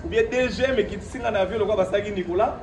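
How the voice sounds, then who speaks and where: Quick-paced and high-voiced, a Congolese man from the DRC addresses reporters at a press conference held at his own premises. Switching between French and Lingala in a partly off-the-cuff statement, he is defiant and emphatic, returning to the same points and asking rhetorical questions. The echoey room, distant microphone and background noise give a roomy sound.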